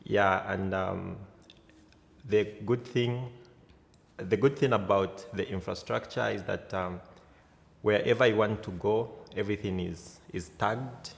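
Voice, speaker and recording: A man's voice: lowish voice, steady tone, unhurried, gravelly. A young man from Zambia, an exchange student, answers interview questions hesitantly, with many fillers. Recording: hall reverb.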